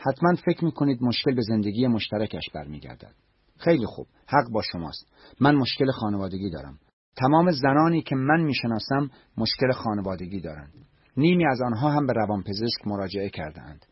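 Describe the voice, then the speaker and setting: A man's voice: medium pitch, very animated, slightly rough, no echo. A man reading a story, voicing an angry forty-year-old married woman who speaks bluntly and sarcastically. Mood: sarcastic. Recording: dull lo-fi recording.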